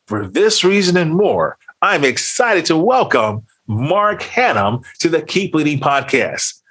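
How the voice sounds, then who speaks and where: Upbeat male podcast host, slightly husky. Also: fairly high pitch, sing-song, a little slow, fairly bright tone. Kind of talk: scripted podcast intro and interview.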